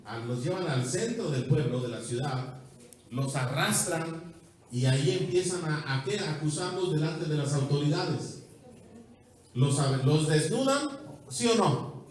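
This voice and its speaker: A man with a Mexican accent preaching a sermon, quizzing the congregation and joking, moving between loud and quiet. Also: fairly high pitch, animated, a little slow. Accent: Mexican Spanish. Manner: asks the congregation questions, jokes, swings from loud to soft. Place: church hall. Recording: echoey hall, voice from far off.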